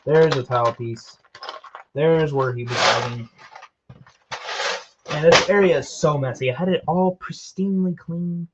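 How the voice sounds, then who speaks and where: A man's voice: on the high side, unhurried, pauses often, muffled recording, heavy background noise. A man casually commenting while he builds with Lego, rambling and joking at himself as he works. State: tired.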